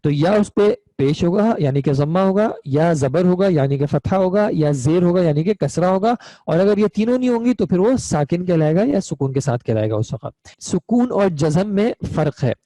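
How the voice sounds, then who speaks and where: A man's voice: fairly high pitch, mellow, no room sound. A man teaching an online Arabic grammar lesson, explaining patiently and often checking that students follow.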